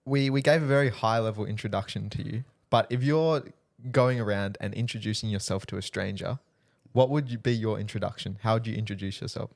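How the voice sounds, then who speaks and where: A man co-hosting a podcast and asking the guest measured, prompting questions. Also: on the low side, gravelly. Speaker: podcast co-host. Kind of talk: interview questions.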